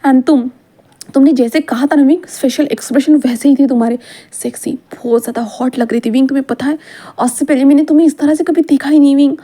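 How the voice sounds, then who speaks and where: A woman voicing a teasing, affectionate young male lover in a read-aloud fan story, coaxing and drawn-out. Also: high voice, steady tone, mellow, close to an everyday voice. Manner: playful, coaxing, drawn-out endearments.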